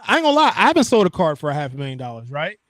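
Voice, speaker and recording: A man co-hosting a casual podcast chat, talking over a laptop mic on a call, animated and restarting his sentences. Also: a little high, very fast, no room sound, clean studio sound. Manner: animated, repeats words when starting a point. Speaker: podcast co-host.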